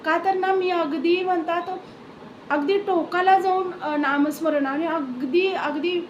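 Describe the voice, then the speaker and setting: A woman casually retelling a devotee's spiritual experience, with hesitant pauses and fillers. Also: very high-pitched, steady tone, dull audio. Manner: hesitant, many fillers and restarts. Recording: roomy echo with faint background hiss.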